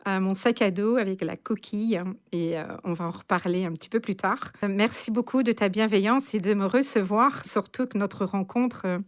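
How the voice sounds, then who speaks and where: A woman's voice: mid-range voice, moderate pace, hardly any pauses. A woman in her sixties from France, a radio guest telling her story with many hesitations and fillers. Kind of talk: casual radio interview.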